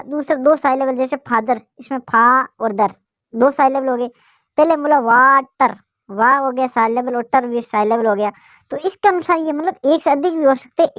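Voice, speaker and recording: A woman's voice: fairly high pitch, dry recording, studio quality. A woman teaching a basic English lesson, asking questions and answering them herself. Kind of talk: classroom lesson explanation.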